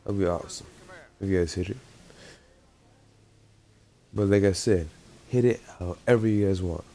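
A man's voice: deep voice, moderate pace, mellow. A young man casually talking over his online shooter gameplay, rambling and laughing often as he plays. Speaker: gaming YouTuber.

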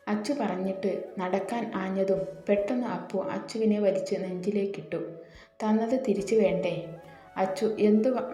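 A woman's voice: mid-range voice, warm tone. A woman reading a romance story aloud, voicing every character's lines in her own voice. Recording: echoey room with faint music.

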